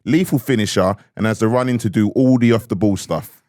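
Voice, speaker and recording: A man co-hosting a podcast, chatty and quick to laugh in casual conversation. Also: on the low side, dark tone, dry recording, studio quality. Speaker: podcast co-host. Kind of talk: casual chat.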